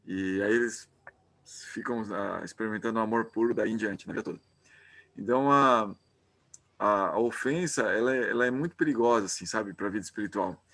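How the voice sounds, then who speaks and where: A man's voice: on the low side, brisk, a bit bright. A man giving a devotional class, retelling a scripture story informally with frequent hesitant restarts.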